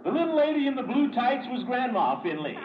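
A man's voice: very high-pitched, big pitch swings, brisk. An actor playing a pompous, blustery middle-aged male water commissioner in a 1940s radio sitcom, chuckling often. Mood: announcing. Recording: dull old radio broadcast, loud hiss.

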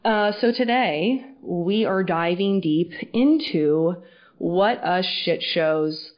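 A woman's voice: on the low side, slow pace. A woman talks casually and frankly as a solo podcast host, swearing freely, her voice muffled as if underwater. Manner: frank, informal, profane. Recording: muffled, underwater-sounding, band-limited audio.

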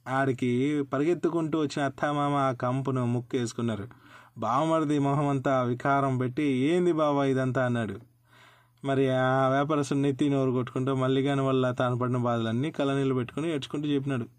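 A man's voice: mid-range voice, a little fast, no echo. Man telling a folk tale. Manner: lively, expressive storytelling. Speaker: storyteller, channel host.

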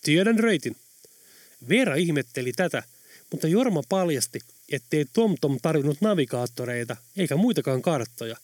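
A man narrating an audiobook in a steady, even storytelling manner. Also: on the high side, no echo, studio quality. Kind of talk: scripted narration.

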